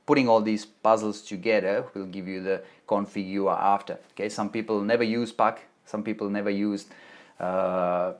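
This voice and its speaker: On a live stream Q&A, a Czech-accented man from the Czech Republic works through chat questions about web development tutorials. His voice is on the low side with fairly even intonation and normal speed. Chatty and reading comments aloud, he keeps restarting sentences, broadcasting from his home office in Melbourne.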